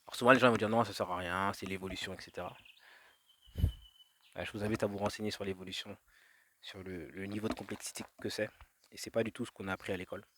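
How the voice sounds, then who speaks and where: A man's voice: fairly low pitch, fairly even intonation, fast, long pauses, sharp tone, slight background noise. A man vlogging outdoors, talking his thoughts through in a drifting monologue, full of fillers, restarts and detours. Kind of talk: rambling reflective monologue. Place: outdoors in nature.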